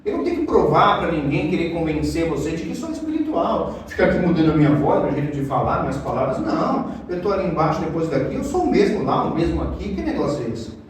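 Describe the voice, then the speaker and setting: A man's voice: fairly high pitch, sing-song, quick pace. A Brazilian man preaching an expository sermon in a conversational, emphatic way with rhetorical questions. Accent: Brazilian Portuguese. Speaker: pastor. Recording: echoey hall, distant mic, faint noise.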